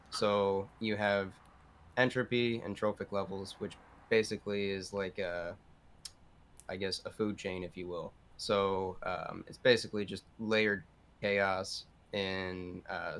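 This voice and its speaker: A young man, a guest artist, chatting casually and hesitantly on a podcast, with many pauses and ums. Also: low voice, a bit bright.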